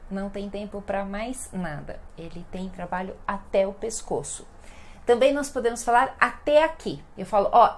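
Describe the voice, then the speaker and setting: A woman teaching a lesson, explaining slowly and repeating example sentences, often adding "né". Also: fairly high pitch, slight background noise. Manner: frequent tag questions "né". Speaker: Portuguese teacher. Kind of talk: online language lesson.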